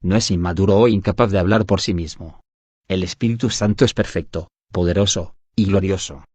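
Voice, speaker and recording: A man narrating a devotional audiobook in an even, measured reading style. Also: low voice, breathy edge, dry recording. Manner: even, measured reading that voices punctuation aloud.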